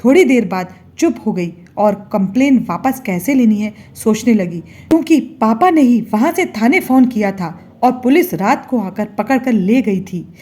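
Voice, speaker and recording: A woman storyteller reads a scripted story at an even, measured pace. Her voice is fairly high, with a dark, slightly husky tone. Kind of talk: scripted narration.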